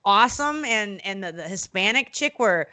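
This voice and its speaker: A woman guest on a casual podcast interview tells animated, blunt stories about her days as a wrestling interviewer and manager. Her mid-range voice moves at a moderate pace, full of fillers and restarts, and she acts out quotes in other voices.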